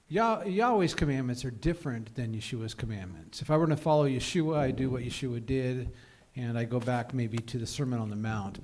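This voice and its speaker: Man, congregation teacher; mid-pitched, reflective, builds emphasis on scripture. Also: a little mellow. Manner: thoughtful, reasons aloud with many "uh"s; reads scripture aloud with rising emphasis. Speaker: congregation teacher leading Bible study. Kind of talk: group Bible study discussion.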